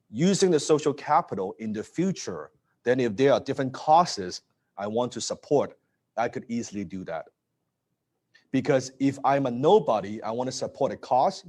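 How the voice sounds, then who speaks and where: Energetic man, keeps asking "right?". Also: medium pitch. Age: 30s. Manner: energetic, repeats words and asks "right?". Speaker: presenter. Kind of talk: live-streamed business talk.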